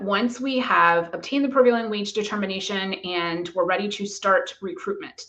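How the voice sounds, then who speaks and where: A woman immigration lawyer giving a measured, methodical explanation to camera. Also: medium pitch, a bit bright, poor audio.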